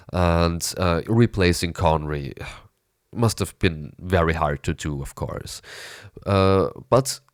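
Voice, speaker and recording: A man with a raspy, hoarse voice from a cold, rambling enthusiastically through a casual film review with hesitant restarts. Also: low-pitched, a little mellow, dry recording, clean studio sound. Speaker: movie review vlogger.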